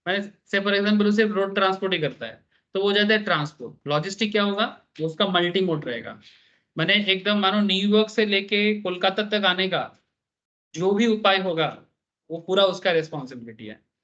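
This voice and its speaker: Male teacher, high voice, chatty classroom lecture, mixes english terms, dull lo-fi sound. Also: normal speed, fairly bright tone. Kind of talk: classroom lecture on business law.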